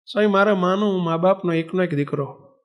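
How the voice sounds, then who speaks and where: A man's voice: high-pitched, brisk, close to an everyday voice. A man voicing a poor young male college student who pleads earnestly through tears, quoted within a sermon story. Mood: pleading.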